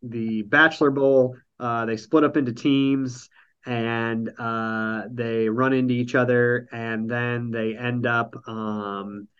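Man, nasal, smooth resonant voice, casual podcast recap, rambling with fillers, dry humor, slightly muffled audio. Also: medium pitch, little pitch movement, slow. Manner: rambling, full of ums and dry jokes. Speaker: podcast host recapping a reality show. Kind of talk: casual chat. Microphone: online call.

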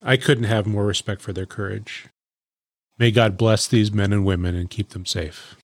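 A middle-aged man, a former police officer, telling a case story in a reflective, steady way on a podcast. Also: on the low side, moderate pace, dry recording. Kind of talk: podcast commentary.

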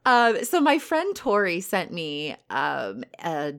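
A woman in her thirties with a somewhat low voice talks loosely in a casual podcast chat. She is blunt and profane, and laughs often. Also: wildly swooping pitch, takes it slowly, fairly bright tone. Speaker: podcast co-host.

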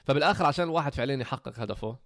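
A man hosting a casual chat, quick and animated, acting out quotes as he talks. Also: mid-range voice, no echo, clean studio sound. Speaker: content creator hosting a conversation.

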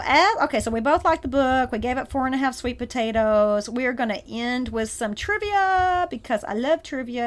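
A woman co-hosting a casual book-club podcast, reading favorite lines aloud and leading a trivia game, laughing often. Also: a little high. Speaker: podcast co-host.

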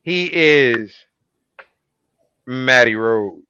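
A male podcast host announcing in a ringmaster style, with booming, drawn-out showman delivery. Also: sharp tone, clear, resonant tone, no room sound, highs cut off.

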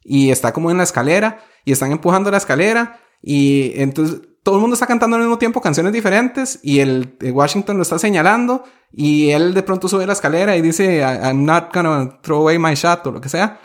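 A man's voice: sits high, brisk, few pauses. A young man with a Costa Rican accent chatting casually and animatedly, laughing often. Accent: Costa Rican Spanish. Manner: animated, laughs often, quotes lyrics in English. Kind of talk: casual chat about a musical.

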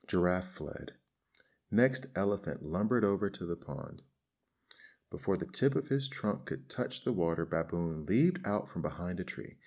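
A man calmly reading folk tales aloud as storybook narration. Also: deep voice, measured pace, highs cut off.

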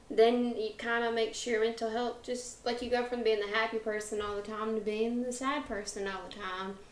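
A woman's voice: fairly high pitch, roomy sound, poor audio. A woman in her twenties co-hosting a podcast, talking candidly in a chatty way and laughing between phrases. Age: 20s. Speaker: podcast co-host. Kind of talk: casual podcast chat.

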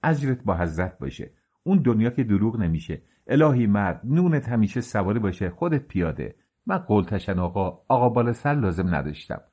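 Foul-mouthed older woman pilgrim, scolding and sharp-tongued, read by a man. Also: on the low side.

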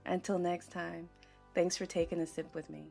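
Chatty low-voiced woman with a gravelly edge. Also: flat delivery, normal speed, darkish tone, faint music behind. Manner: chatty, laughs often, checks in with "okay?". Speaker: podcast host. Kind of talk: casual podcast monologue.

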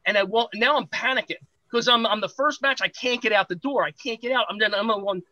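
A man guesting on a podcast, a pro wrestler telling a lively backstage anecdote and acting out what others said. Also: extremely high pitch, brisk, no room sound, poor audio. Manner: lively anecdote-teller, acts out quoted voices. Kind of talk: animated storytelling.

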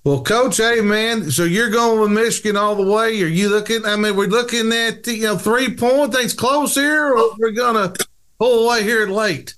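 A man with a notably high voice hosts a casual sports podcast. He talks informally, buddy to buddy, and lets his phrases ramble as he steers the chat. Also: moderate pace, a bit bright. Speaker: podcast host. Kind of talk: casual sports talk show.

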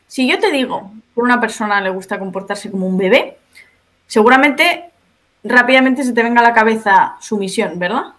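A woman's voice: on the high side, lively intonation, fairly quick, fairly bright tone. A woman with a Spain Spanish accent, a video creator explaining her points one by one as a podcast guest. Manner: explanatory, methodical, lays out points. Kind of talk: podcast conversation.

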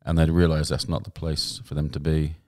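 A man's voice: extremely low pitch, little pitch movement, a little fast, darkish tone, no echo, studio quality. A man hosting a design podcast, chatting with a guest in a rambling, self-interrupting way. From England. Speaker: podcast host.

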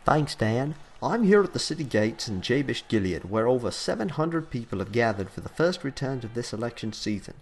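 A man doing a brisk field reporter. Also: medium pitch, lightly acted. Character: male field correspondent reporting from a crowd.

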